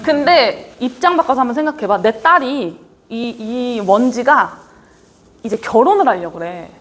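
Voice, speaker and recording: A woman's voice: on the high side, normal speed. A woman lecturer giving a leadership training talk, casually quizzing her audience again and again. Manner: lively, quizzes the audience often; casual, talks down-to-earth with students.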